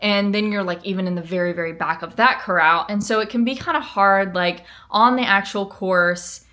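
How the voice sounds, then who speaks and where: A woman's voice: medium pitch, moderate pace, sharp tone. A woman chatting casually and informally to camera as a vlogger, often saying "like". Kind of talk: casual vlog chat to camera.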